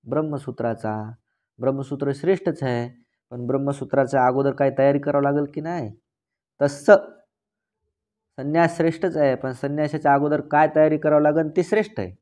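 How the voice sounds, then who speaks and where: A man teaching a religious scripture discourse, posing questions to his listeners and answering them himself, and slowly reciting Sanskrit passages. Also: mid-range voice, fairly even intonation, darkish tone. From Maharashtra. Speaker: Vedanta teacher. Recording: dull lo-fi recording.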